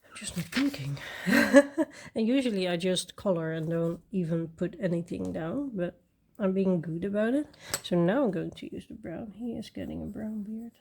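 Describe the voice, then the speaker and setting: A woman chatting casually while she colors, soft-spoken and rambling with fillers and restarts. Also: on the low side, moderate pace, vocal fry, slight background noise. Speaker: coloring channel host.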